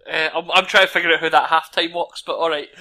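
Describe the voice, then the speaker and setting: A man's voice: fairly high pitch, fairly even intonation, moderate pace, sharp tone. A man with a Glaswegian accent chatting casually about gaming as a podcast host. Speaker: podcast host asking questions.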